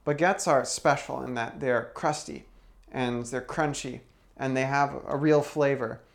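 A man's voice: medium pitch, steady tone, a little slow, vocal fry. A young man co-hosting a podcast, telling stories in an easygoing way. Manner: easygoing, storytelling. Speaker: podcast co-host. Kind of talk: casual chat.

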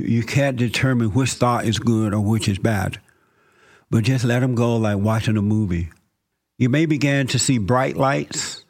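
Slow, calm man guiding a meditation. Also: mid-range voice. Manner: slow, calm instructions with repeated phrases and scripture. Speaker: meditation guide.

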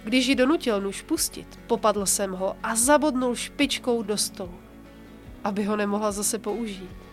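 A woman podcast host reading a book passage aloud with her own commentary, in a calm, measured voice that slows and softens for emphasis. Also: mid-range voice, soft background music.

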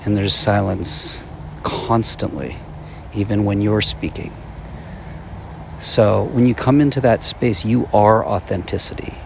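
A man giving a guided motivational mindfulness talk, speaking deliberately with long pauses, recorded outdoors in a busy park. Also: fairly low pitch, gravelly, slight background noise. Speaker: self-help meditation coach. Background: park background sounds, passing vehicles.

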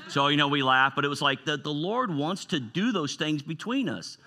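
A man's voice: a little high, lively intonation, normal speed, pushed and bright. A middle-aged man, a retired pastor telling personal stories in an informal, conversational sermon. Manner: storytelling, conversational, emotional asides.

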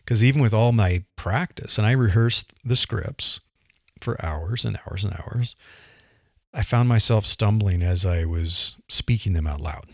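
The studio-quality, dry recording features a fairly low male voice with vocal fry and a measured pace. He's a middle-aged podcaster and writer with a Midwestern American accent, reflecting casually on voice delivery with light laughs and frequent "you know"s.

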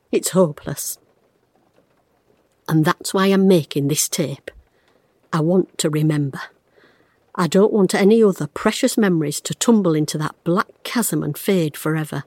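An actress in her 50s plays a retired woman detective in an audio drama, wry, blunt, and self-mocking, but fraying under strain. Her voice is deep with a darkish tone, recorded close and dry with no room sound.

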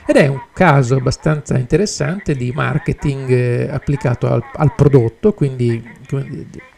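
A man's voice: mid-range voice, normal speed, creaky, mellow. A man hosting a live podcast, talking casually and hesitantly while fiddling with his equipment. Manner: hesitant, full of fillers and restarts while working the gear. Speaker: podcast host.

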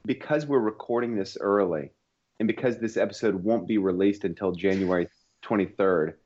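A man's voice: fairly low pitch, normal speed, darkish tone, slightly rough, highs cut off. A man co-hosting a podcast in casual, bantering conversation. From southern United States, Atlanta area. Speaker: podcast co-host.

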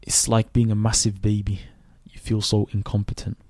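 A man in his twenties, raised in Sweden, hosting a reflective solo podcast in a thoughtful, unhurried way with many restarts. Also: fairly low pitch, flat delivery, dark tone, dry recording. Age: 20s. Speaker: podcast host.

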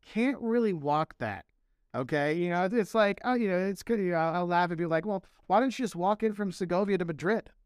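Speaking briskly in a high, smooth voice, this US marketing professor and travel vlogger is an animated storyteller on a casual podcast, performing the voices of the people he quotes. The studio-quality audio has no room sound.

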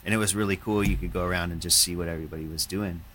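A man, a painter, talking in a halting, reflective way, with many fillers and restarts. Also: low-pitched, fairly even intonation, fairly bright tone, slight background noise. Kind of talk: casual conversation.

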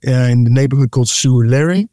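A middle-aged man with a medium-pitched voice, born in Nigeria and raised in the UK from age eight, talks quickly as a guest in a casual interview. He's an animated storyteller, full of repeated words and restarts, captured in a dry, studio-quality recording.

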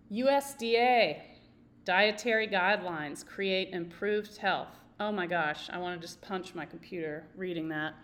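A woman hosting a solo health podcast, talking in an emphatic, indignant way with big swings in emphasis. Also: fairly low pitch. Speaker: podcast host.

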